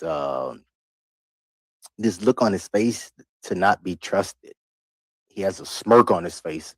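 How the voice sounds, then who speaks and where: A man's voice: low-pitched, no room sound. A man streaming live, giving loose, rambling reaction commentary into a microphone, repeating himself and laughing between remarks. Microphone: desk microphone.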